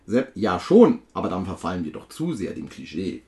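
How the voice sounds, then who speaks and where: A man's voice: low-pitched, very animated, normal speed, warm tone. A man playing an ordinary young man in an amateur radio play reading, casual and wry.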